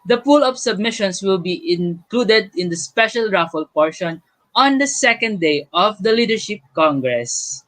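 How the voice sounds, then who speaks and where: A man's voice: high-pitched, expressive, normal speed, fairly bright tone, rough recording. A young man with a Filipino accent co-hosts a scripted online event, announcing giveaways in an upbeat way. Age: young adult. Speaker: event co-host, student raffle announcer.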